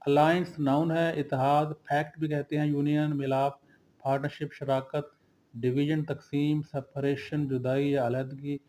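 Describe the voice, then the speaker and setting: A man's voice: on the high side, low-quality recording. A man teaching vocabulary, reading out synonyms and antonyms one by one with short glosses. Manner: slow and steady, drills word lists with brief glosses. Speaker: English teacher.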